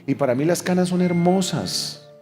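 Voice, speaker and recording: Pastor, man, fairly high voice, emphatic pulpit delivery, faint music under. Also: moderate pace. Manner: emphatic, animated preaching with call-and-response. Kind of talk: sermon. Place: church service.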